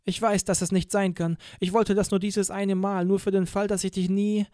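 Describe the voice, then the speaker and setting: A man voicing a shy, lovelorn teenage girl in an audiobook, speaking softly and hesitantly. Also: sits high, little pitch movement, moderate pace, clean tone, no room sound, studio quality, pitched above the performer's own voice, natural voice. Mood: wistful. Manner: soft, wistful, hesitant.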